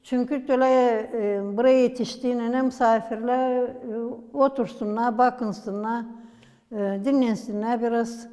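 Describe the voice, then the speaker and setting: A woman from Gagauzia with a Gagauz accent, explaining village history as a local museum guide in an unhurried, halting way with many pauses. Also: fairly high pitch, steady tone, warm tone, long reverb tail. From Gagauzia, Moldova.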